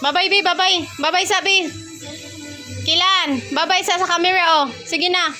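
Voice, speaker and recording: A woman's voice: very high voice, steady tone, normal speed, sharp tone, faint music behind. A woman with a Filipino accent films a toddler at home and coaches him in a sing-song voice, repeating each prompt over and over. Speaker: caregiver filming a toddler.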